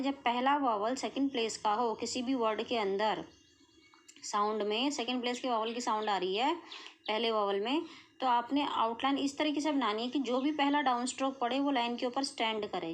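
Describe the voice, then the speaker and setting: Fairly quick and fairly even in intonation, a high-leaning female voice belongs to an Indian teacher explaining a shorthand lesson one step at a time. She is patient and keeps checking in with "clear?" and "okay" to make sure students follow.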